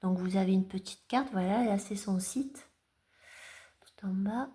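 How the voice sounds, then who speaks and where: A woman's voice: medium pitch, unhurried, mellow. A woman chatting at home in a casual vlog, showing her tarot cards, hesitant with many fillers and restarts. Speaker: tarot collector vlogger. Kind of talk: casual show-and-tell vlog.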